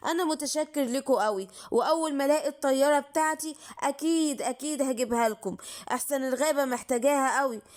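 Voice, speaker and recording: A woman's voice: high-pitched, fast talker, close to an everyday voice. A woman voicing Simba, a helpful boy lion cub. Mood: earnest. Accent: Egyptian Arabic. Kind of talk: children's bedtime cartoon voicing.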